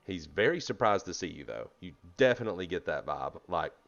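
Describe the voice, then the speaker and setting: A man narrating as game master of a tabletop fantasy game, relaxed and chatty, with many fillers. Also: low voice, fairly quick, creaky. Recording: slightly dull lo-fi mic.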